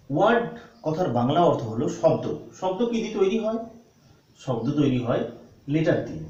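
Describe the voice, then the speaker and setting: A man's voice: on the high side, mellow, dull audio. A man teaching a grammar lesson, asking questions and answering them himself. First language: Bengali. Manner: asks and answers his own questions. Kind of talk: classroom lesson. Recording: echoey room, voice from far off.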